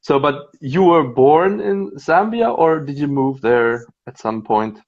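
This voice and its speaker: With a voice on the high side and lively intonation, this man talks a little slowly through dull audio. He's a label host of half German, half Japanese roots with a German accent, running a laid-back phone livestream interview packed with chatter, laughter, and fillers.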